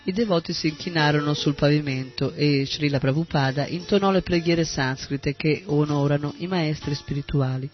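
A man narrates a story in a steady, measured reading voice. His voice sits somewhat high. Soft sitar music plays behind him, and the recording is dull and muffled.

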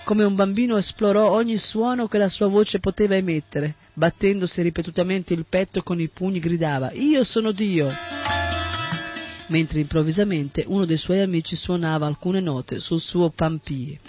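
A man reading a devotional story as narrator, in a steady, measured way. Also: sits high, music in the background. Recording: dull, muffled recording with faint sitar.

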